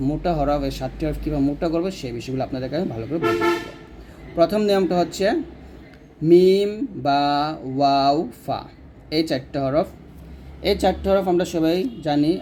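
A man gives a patient recitation lesson, explaining each sound and then drawing out the practice syllables very slowly. His voice sits a little high for a man. It has a mellow, dark tone. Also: slight background noise. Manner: slowly drawn-out demonstration syllables between explanations. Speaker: Quran recitation teacher. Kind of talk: step-by-step pronunciation lesson.

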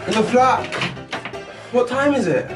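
A man's voice: very high voice, expressive, measured pace. A man in his twenties complaining in exasperation, picked up by a camera a few steps away. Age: 20s. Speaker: prank victim. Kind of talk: casual, exasperated argument. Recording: distant handheld camera, music over it.

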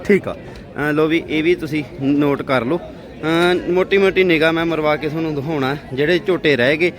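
Interviewing farmers at an outdoor livestock fair, this Punjabi-accented host keeps his vlog casual and familiar, adding commentary along the way. He speaks at a moderate pace in a voice on the higher side, with crowd and street noise behind him.

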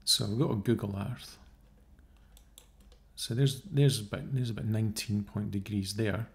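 A creaky, low-sided male voice, steady in tone and measured in pace, narrates his own screen-share video. As he debunks a theory, he thinks through the figures out loud in a casual way, scoffing and mocking the notion along the way.

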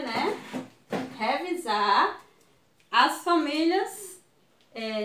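A Brazilian woman teaching young children in a video lesson, sounding out syllables slowly. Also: fairly high pitch, fairly bright tone, reverberant. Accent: Brazilian Portuguese. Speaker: primary school teacher.

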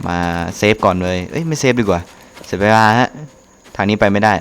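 A man giving casual let's-play commentary, excitable, with quick exclamations and playful jokes. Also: fairly low pitch. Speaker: gameplay commentator.

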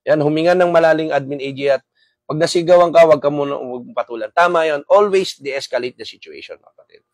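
A man's voice: a little high, fast, no room sound. A man hosts a live-stream talk for gun owners, earnestly preaching to his viewers and often checking in with tag questions. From Samar, Philippines.

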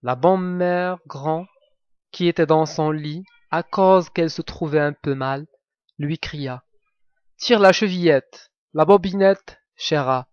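A man, a reading teacher, narrating a fairy tale aloud slowly and with careful articulation for learners. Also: a little high, dry recording, highs cut off.

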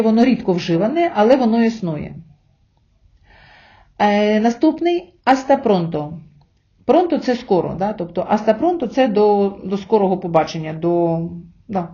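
A woman giving a spoken language lesson, often calling her listeners friends and saying example words slowly and carefully. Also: medium pitch, mellow, muffled recording. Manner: addresses listeners as friends, with hesitation fillers. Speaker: Spanish language teacher.

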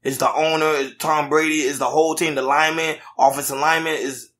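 A man's voice: on the high side, flat delivery, quick pace, a bit bright. Motivational podcast man who keeps saying "facts". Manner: affirming, says "facts" often, motivational. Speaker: podcast co-host. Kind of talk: casual podcast chat. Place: podcast studio in Florida.

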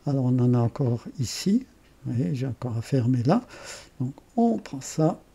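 A man with an Alsatian accent walking through a software tutorial, thinking aloud, correcting himself and adding chatty asides. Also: mid-range voice, sing-song, normal speed, gravelly, slightly rough. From Alsace. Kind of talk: screen-recorded software tutorial.

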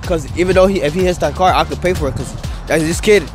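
Speaking quickly in a voice on the high side, this young man, a wheelie rider, gives a loose, slangy interview outdoors on a grass field with a city skyline in view. He leans on "bro" and "dude" while rambling, the interviewer holding the handheld mic, with background music beneath.

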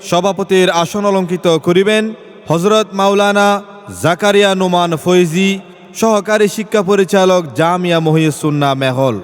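A man giving a sung jingle and formal event announcement over a PA loudspeaker, in a melodic, drawn-out manner. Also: high-pitched, smooth. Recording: long hall reverb with music.

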